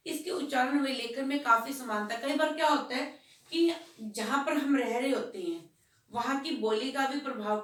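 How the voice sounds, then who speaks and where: Slow, patient woman teacher in echoey room. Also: fairly high pitch, a bit bright, recorded from a distance. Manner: slow, patient, asks and answers her own questions. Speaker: school Hindi teacher. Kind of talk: classroom lesson explanation.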